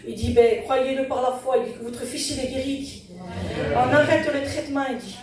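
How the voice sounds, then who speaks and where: A woman's voice: sits high, fairly quick, crowd noise. A woman giving an earnest testimony at a church service, retelling events through a string of repeated "I said" and "he said". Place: church hall during a service. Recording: very echoey hall, distant mic, music behind.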